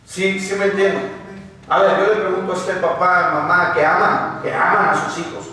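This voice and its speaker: A man's voice: high-pitched, fairly even intonation, moderate pace, bright, forceful tone, slight background noise. A man preaching a sermon to a congregation, often putting rhetorical questions to them. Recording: echoey hall, mic far off.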